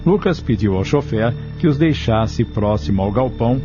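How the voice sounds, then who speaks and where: With a Brazilian accent, a man reads scripted narration for an audio drama in a mid-range voice, lively in intonation and at normal speed. The audio sounds dull, with music running underneath.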